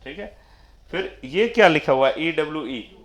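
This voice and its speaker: A man teaching a class in a classroom with a lot of echo. His voice sits a bit high for a man. He keeps asking the students questions and then answers them himself. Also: lively intonation, moderate pace, a bit bright. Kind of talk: classroom lecture.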